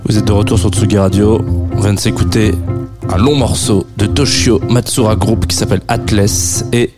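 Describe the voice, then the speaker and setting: A man's voice: lowish voice, fairly even intonation, normal speed. A man hosting a live music radio show in a rambling, casual way, full of hesitations and restarts, with a self-mocking humor. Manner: self-mocking, chuckles at his own jokes. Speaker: radio host.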